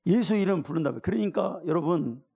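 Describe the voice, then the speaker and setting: Gravelly, dark-voiced pastor preaching. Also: male voice, high-pitched, a little fast. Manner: colloquial, animated preaching with direct questions to the congregation; acts out voices of the people in the story. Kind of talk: sermon.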